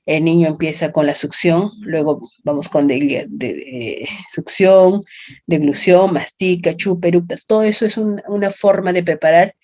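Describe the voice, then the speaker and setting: A woman's voice: lowish voice, a little mellow. A woman with a Peruvian accent giving a lecture to students, explaining step by step and checking in with short tag questions. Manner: explanatory, checks understanding with tags. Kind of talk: online class lecture.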